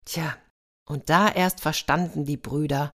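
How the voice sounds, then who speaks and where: Give me a low-voiced woman narrating a fairy tale with a lively touch. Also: measured pace. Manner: lively, addresses the listeners. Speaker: storyteller.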